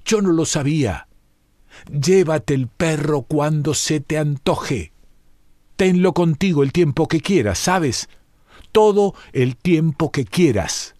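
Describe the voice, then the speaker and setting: A man voicing a fierce old male colonel with a booming, gruff way of asking. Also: sing-song, takes it slowly, no room sound, clean studio sound, full character voice. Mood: tender.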